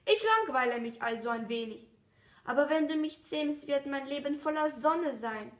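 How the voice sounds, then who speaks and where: A woman voicing a gentle, curious male fox in a storybook reading, earnest and coaxing, recorded with a roomy echo. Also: high voice, lively intonation, normal speed. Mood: wistful.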